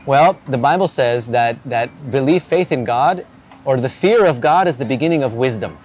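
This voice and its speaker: This street evangelist, a man in his forties, questions a stranger about faith by the ocean, earnest and probing, restarting often. His mid-range voice is animated and darkish at normal speed, and a little hiss or hum is audible.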